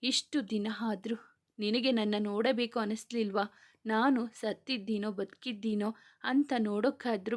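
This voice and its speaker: A woman's voice: fairly high pitch, natural voice. A woman voicing a hurt young woman who tearfully reproaches her family, in a read-aloud romance story. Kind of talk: reading a serialized romance novel aloud.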